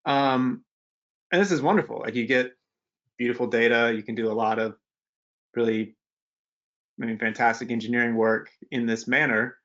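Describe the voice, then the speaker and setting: A young man walks through a technical presentation in a loose, conversational way, full of fillers and restarts. His voice sits at a middling pitch, and the video-call audio sounds muffled and dull. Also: normal speed, long pauses, fairly bright tone. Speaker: webinar presenter, postdoctoral researcher.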